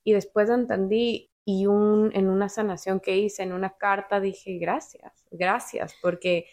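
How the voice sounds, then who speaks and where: A woman's voice: medium pitch, level tone, measured pace, a little mellow. A woman in her thirties, a podcast guest, talking reflectively in casual chat and repeating words for emphasis. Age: 30s.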